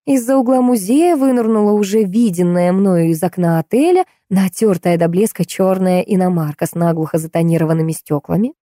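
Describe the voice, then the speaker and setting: A woman narrates a first-person novel, lively and wry, with playful lifts in her telling. Her voice is mellow and relaxed, and the recording is close and dry with no room sound. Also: on the low side, no room sound. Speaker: audiobook narrator.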